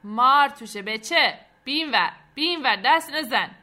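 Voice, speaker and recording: A woman voicing a loud, pushy grown-man stranger. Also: on the high side, big pitch swings. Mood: alarmed.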